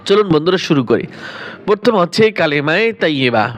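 A man teaching Quran pronunciation step by step, chanting each phrase slowly and stretched out between quick explanations. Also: on the high side, very animated, muffled recording.

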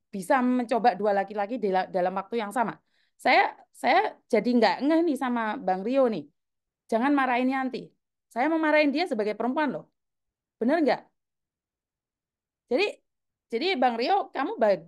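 Scolding high-voiced woman host. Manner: scolding, insistent, repeats "loh" often. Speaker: host taking callers. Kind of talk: heated call-in chat.

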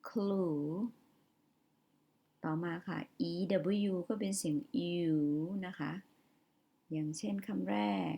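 Young woman teaching english vowel sounds, very slow, a bit low, says words over and over. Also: vocal fry, mellow. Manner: says each English word slowly, often more than once, stretching the vowel. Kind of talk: slow vocabulary lesson with spoken word examples.

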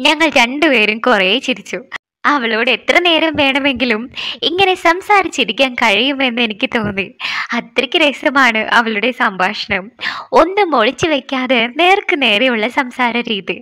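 A woman reads a story aloud in the first person, steady and measured. Her voice is high and bright, with a forward edge. The sound is close and dry. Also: no room sound. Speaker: story narrator. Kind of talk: scripted narration of a story.

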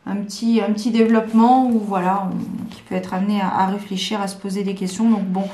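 A woman's voice: medium pitch, little pitch movement, fairly quick, dark tone, reverberant. A woman from France chatting casually to camera at home, hesitant, with many fillers and restarts. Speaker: vlogger presenting planners. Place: home room.

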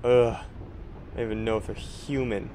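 A man playing a horror game on his channel, murmuring slowly to his viewers and breaking into startled exclamations. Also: lowish voice, fairly even intonation, dark tone, a little hiss or hum. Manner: exclaiming, easily spooked. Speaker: gaming YouTuber. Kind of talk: let's play commentary.

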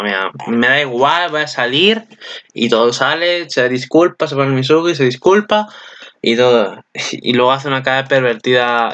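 A man's voice: mid-range voice, pushed and bright. A man, chatting casually as channel host in a rambling way, often correcting himself. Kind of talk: casual anime commentary.

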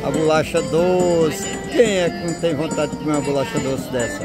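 A man's voice: on the high side, brisk. A man with a Northeastern Brazilian accent giving casual, jovial, teasing commentary in short repeated exclamations. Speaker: vlogger touring a street market. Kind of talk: casual spontaneous market commentary. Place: outdoor street market. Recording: busy outdoor market with music and traffic.

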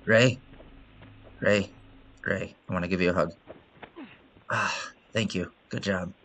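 A man's voice: low-pitched, steady tone, takes it slowly, fairly bright tone, slight background noise. A man hosting a casual let's-play of his game, talking in a playful, joking way with frequent self-amused asides. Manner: playful, jokey, sings and laughs at himself. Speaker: gaming channel host. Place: indoors at home by a window.

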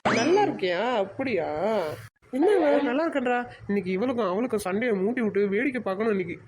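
A woman's voice: a little high, animated, quick pace, a little mellow, a little hiss or hum, close to an everyday voice. A woman voicing a scheming village girl in a cartoon comedy, who talks sweetly to others and mutters her schemes aside. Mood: gossiping. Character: scheming village girl Nettavalli, sly troublemaker.

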